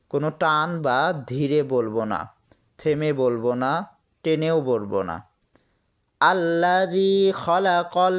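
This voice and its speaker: Slow patient man spelling out recitation. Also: fairly high pitch, darkish tone. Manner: spells letters and vowels aloud, repeats each word several times. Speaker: Quran recitation teacher.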